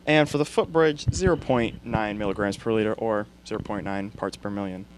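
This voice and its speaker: A teenage boy playing a guest expert in a school video, reading his results slowly and carefully. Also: lowish voice, slight background noise, rough recording.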